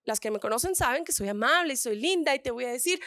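A woman from northern Mexico with a northern Mexican accent, giving an expressive motivational talk and speaking straight to her audience. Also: high voice, quick pace, no echo, clean studio sound. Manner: expressive, acts out inner voices with shifts of tone; addresses audience directly with frequent asides.

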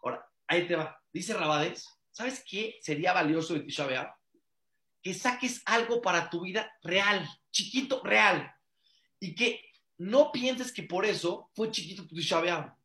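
An adult rabbi and father with a high, bright, forceful voice teaches a religious class at an unhurried pace in a roomy-sounding space. His delivery is earnest and conversational, full of repeated phrases for emphasis and rhetorical questions.

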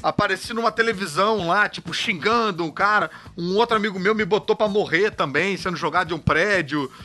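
A man, an actor and voice actor, chatting casually and telling animated stories with quick asides. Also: sits high. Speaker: actor and voice actor guest. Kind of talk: casual conversation.

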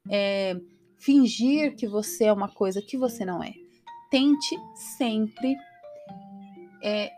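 A woman's voice: on the high side, a little mellow. A Brazilian woman with a Brazilian Portuguese accent, hosting a casual English-lesson podcast, tossing in checks like "tá?" as she goes. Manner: chatty, peppers lines with "tá?" and "entendeu?". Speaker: English teacher, podcast host.

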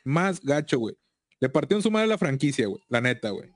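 A man's voice: medium pitch, big pitch swings, fast talker, no room sound, clean studio sound. A Mexican man chatting casually in laddish, profane bro slang. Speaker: video game collector. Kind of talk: casual chat.

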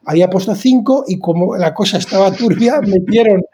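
Male podcast host, slightly high, mellow tone, rambling and hesitant delivery. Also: animated, brisk, a little hiss or hum. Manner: chatty, hesitant, many fillers and restarts. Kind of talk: casual podcast chat.

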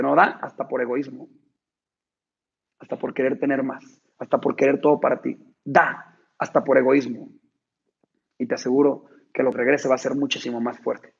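A man delivers a motivational talk to his team, hammering points home through repetition. His voice is fairly high for a man, creaky and husky. The recording is dull and lo-fi. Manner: emphatic, repetitive, deliberate. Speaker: motivational speaker addressing a team. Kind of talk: motivational talk with a told story.

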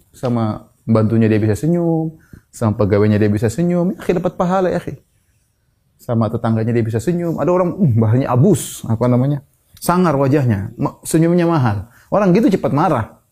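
Preacher with a mellow voice. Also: male voice, mid-range voice. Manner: lively teaching, acts out quoted people, recites Quran verses. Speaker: Islamic preacher. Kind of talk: sermon.

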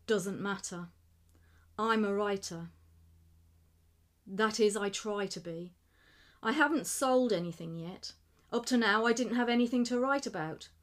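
A woman playing an eager young writer. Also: high-pitched. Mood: calm. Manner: excited, quick, rising with enthusiasm.

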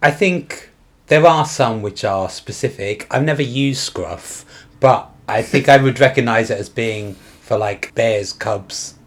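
A British man in a casual podcast conversation. He can't quite pronounce his R's, so they come out as w. His pitch sits in an ordinary male range. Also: unhurried. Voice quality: can't pronounce R properly, says w for r. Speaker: podcast co-host. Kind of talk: casual chat.

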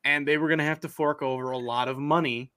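Young male co-host with a somewhat high voice, laid-back but opinionated sports chat. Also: fairly even intonation, bright, forceful tone. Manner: easygoing, opinionated, talks in rushed bursts. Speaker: podcast co-host. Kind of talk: casual sports talk.

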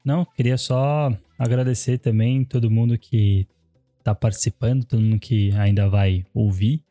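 A Brazilian Portuguese-speaking man co-hosting a casual podcast. His voice is soft-edged and mellow, recorded close and dry, with faint music underneath. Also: medium pitch, fairly even intonation, moderate pace, dry recording. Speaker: podcast co-host. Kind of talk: casual group podcast chat.

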